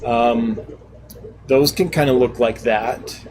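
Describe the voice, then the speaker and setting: A man's voice: mid-range voice, steady tone, takes it slowly, noisy background. A man hosting a casual live stream, reading out viewer comments and answering them in a chatty, laughing, self-deprecating way. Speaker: live stream host and fish seller.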